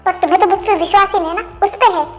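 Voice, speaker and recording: A woman voicing a proud, quick-tempered young woman who speaks sarcastically and indignantly. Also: very high-pitched.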